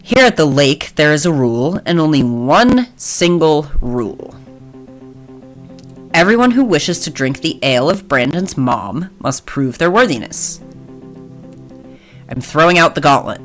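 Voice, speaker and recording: Pompous teen boy playing knight in a game, grand archaic proclamations, pitched up and loud, as a man puts him on. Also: very animated, a little slow, soft background music. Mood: grandiose.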